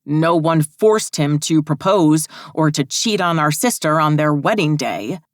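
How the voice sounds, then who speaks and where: A woman's voice: low-pitched, expressive, measured pace, dry recording, studio quality. A woman reading an audiobook, voicing an anguished young man who speaks harshly and bitterly. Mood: angry.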